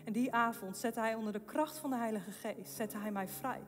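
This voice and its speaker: A woman's voice: a little high, moderate pace. A woman giving an emotional testimony at a faith event, telling her story with laughs and broken-off phrases, then rising into fervent preaching. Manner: impassioned, rising to fervent proclamations. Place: event hall with long reverb. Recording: long echo of a large hall.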